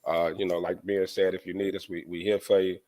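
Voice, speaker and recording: A man's voice: low voice, flat delivery, a little fast, mellow. A man co-hosting a podcast, chatting loosely and informally with his friends. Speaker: podcast co-host. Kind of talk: casual chat among friends.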